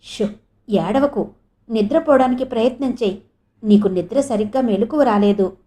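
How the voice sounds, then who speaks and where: A woman reading an audio novel voices a caring young man who speaks softly and calmly to reassure. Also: on the high side, moderate pace, close to an everyday voice. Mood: soothing. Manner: soft, calm, reassuring. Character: gentle, caring young man soothing her.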